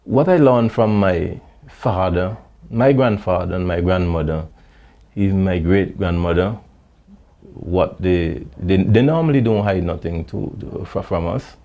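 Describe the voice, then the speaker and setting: A man from St Vincent with a Vincentian Creole accent, recalling his childhood in an oral history interview, halting and repeating words as he goes. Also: deep voice, creaky, warm tone, muffled recording.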